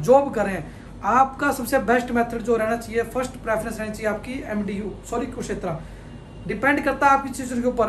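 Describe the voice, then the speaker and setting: Recorded on a lapel mic in a small, echoey studio with faint ambience and a bit of hiss or hum, a thirtysomething education counselor from India delivers study advice to the camera. His voice is very high-pitched, and he talks fast and energetically, gesturing as he explains.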